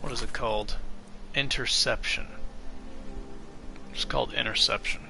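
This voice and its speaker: A man doing casual solo game commentary, thinking out loud as he plays. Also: medium pitch, fairly even intonation, unhurried, vocal fry, music in the background. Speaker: gaming streamer.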